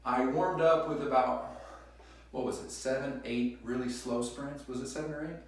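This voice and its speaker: A man vlogging casually to camera in a halting, explanatory way, recorded on a phone set up in a small room. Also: mid-range voice, steady tone. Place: small indoor bathroom, sitting in a tub. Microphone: phone set up away from him. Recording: very echoey room, distant phone mic.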